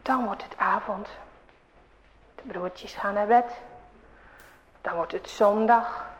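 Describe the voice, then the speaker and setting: A woman telling a children's story in an expressive, animated way. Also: mid-range voice, takes it slowly, big-room sound, rough recording.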